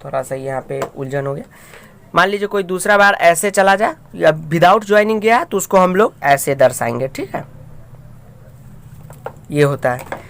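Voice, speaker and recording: A man's voice: high-pitched, animated, measured pace, creaky, pauses often, fairly bright tone. A man teaching a school science lesson, explaining step by step and often calling out to his students while he draws diagrams. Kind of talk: classroom science lecture.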